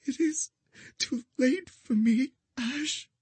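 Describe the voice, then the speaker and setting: A dying young woman speaks in a thin, very high, breathy whisper, voiced by a man. Her words are weak and tearful and very soft, and they sit close and dry. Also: takes it slowly, no room sound, full character voice.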